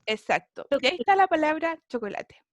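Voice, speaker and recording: A woman's voice: sits high, big pitch swings, a little fast, no echo. A woman teaching a beginner English class over a video call, encouraging and often checking in with her students.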